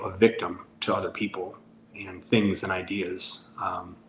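A man in his forties, appearing as a podcast guest, speaks candidly in a casual interview and acts out the dialogue of a story he's telling. His voice is fairly low and a bit bright, recorded with roomy sound and faint background noise.

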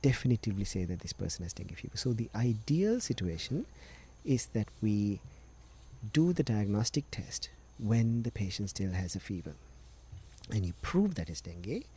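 A man's voice: on the low side, mellow, husky. A middle-aged man from Sri Lanka, a doctor patiently explaining medical matters as a guest on a podcast interview.

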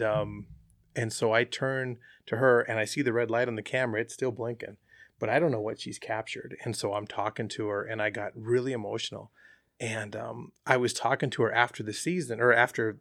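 A man telling a hunting story as an interview guest, relaxed and chatty with frequent fillers. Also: mid-range voice, gravelly, dry recording, studio quality. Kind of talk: casual storytelling.

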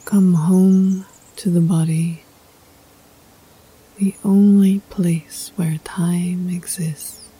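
A woman leading a guided meditation in a soft, breathy voice that often sinks near a whisper, hushed, soothing and unhurried, with poetic scripted phrasing. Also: lowish voice. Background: music.

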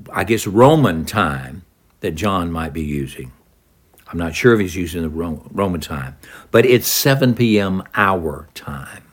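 A man preaching an expository sermon, retelling a gospel story and acting out the pleading voices of its people. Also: low voice.

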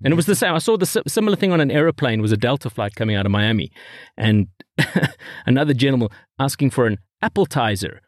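A middle-aged man, telling stories in a rambling, animated way as a podcast co-host. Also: mid-range voice, fast, no echo, studio quality. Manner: animated storyteller, rambling with restarts. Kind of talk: casual chat.

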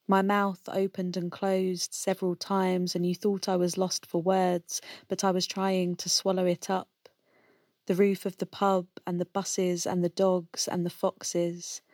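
A woman's voice: lowish voice, a little mellow, no echo, studio quality. A woman reading her own narrative poem. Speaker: poet. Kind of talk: poetry reading.

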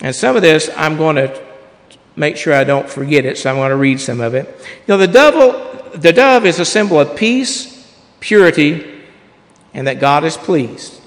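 A man preaching a sermon to a congregation in a folksy, rambling way and reading scripture aloud, his voice hoarse. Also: fairly high pitch, lively intonation, moderate pace, big-room sound. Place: church before a congregation.

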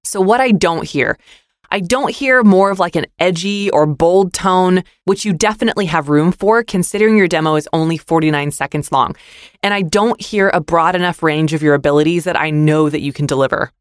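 In an instructional podcast critique, a host reviews voice demos, offering friendly, constructive feedback sprinkled with casual fillers. The mid-range voice is brisk, and the recording is clean studio sound with no echo.

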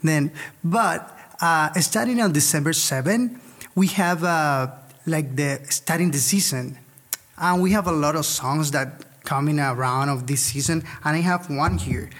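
Halting Colombian-accented man, high voice. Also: fairly bright tone. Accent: Colombian Spanish. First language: Spanish. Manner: halting, searching for English words. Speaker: Spanish worship director at a church. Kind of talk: casual interview chat.

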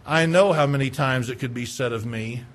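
Speaking in a mid-range voice at a moderate pace, a male pastor preaches a sermon, posing rhetorical questions and using repetition to build each point. He moves between hushed lines and raised ones.

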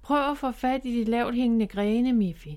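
A woman voicing an eager young boy rabbit who calls out urgently in a raised, bright voice. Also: on the high side, pitched above the performer's own voice, natural voice. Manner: calling out urgently.

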